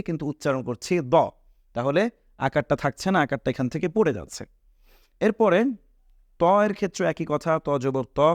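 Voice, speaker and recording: Patient male teacher, higher voice, dry. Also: no room sound. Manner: patient, repeats key points, asks and answers his own questions; mixes a few English words into his teaching. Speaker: Quran reading teacher. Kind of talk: online class lesson.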